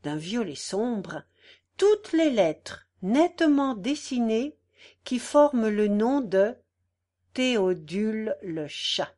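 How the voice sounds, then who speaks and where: Slow, expressive woman narrator. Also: a little high. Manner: measured, expressive storytelling. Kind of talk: audiobook reading.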